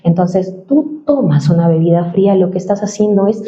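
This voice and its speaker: Low, mellow-voiced woman voice coach. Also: lively intonation, moderate pace. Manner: explanatory, often adds questioning tags. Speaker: voice-over and dubbing professional. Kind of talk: interview, giving voice-training advice. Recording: roomy, slightly dull sound.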